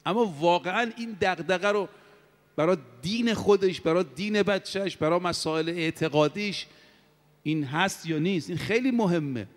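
A man preaching a sermon to a congregation, who slows down to draw out Arabic quotations. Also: high-pitched. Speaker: cleric preacher. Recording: long hall reverb.

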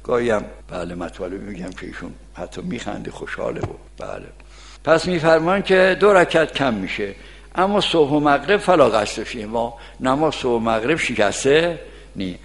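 Brief: older male cleric, gravelly, mid-pitched, folksy lecturing tone. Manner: folksy, lively storytelling, frequent "yes". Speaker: cleric teaching religious law. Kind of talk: religious law lesson with anecdotes.

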